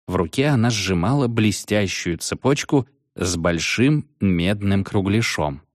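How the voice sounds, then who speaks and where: A man's voice: fairly low pitch, animated, unhurried, no room sound, clean studio sound. A man narrating a children's horror story, telling it expressively. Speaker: audiobook narrator.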